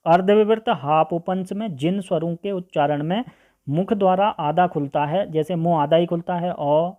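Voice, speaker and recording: This teacher, mellow and medium in pitch, talks at a normal speed while running an online grammar lesson. Vowels are voiced one by one, and the speaker keeps asking questions only to answer them, checking in with "ठीक है" ("okay") after nearly each point.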